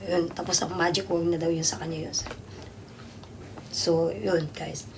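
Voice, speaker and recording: A woman's voice: fairly low pitch, level tone, a little slow, vocal fry, a little mellow, a little hiss or hum. A woman from the Philippines who works abroad as a domestic worker, chatting casually to her viewers and rambling with many fillers and restarts. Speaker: overseas domestic worker vlogger.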